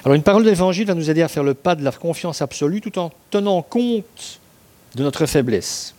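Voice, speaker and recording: This sermon comes from a man whose voice sits slightly high and whose pace runs a little fast. His explanation of the passage is easygoing and talky, broken up by asides and rhetorical questions aimed at the congregation.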